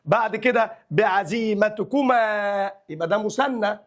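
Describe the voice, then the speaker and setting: In this Arabic grammar lesson, a young adult Egyptian-accented man with a high-pitched voice lingers slowly over each example phrase. His explanations that follow are quick and colloquial.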